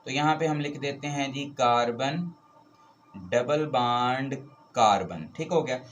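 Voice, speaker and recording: A man's voice: medium pitch, measured pace, fairly bright tone, slight background noise. Man teaching chemistry, step by step. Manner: explains step by step with frequent "theek hai" checks. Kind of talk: classroom lecture.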